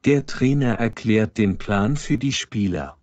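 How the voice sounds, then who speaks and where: A man slowly reading example sentences aloud for language learners, each one twice. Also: fairly low pitch, animated, a little mellow, dry recording, highs cut off. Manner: reads each full sentence twice, clearly and evenly.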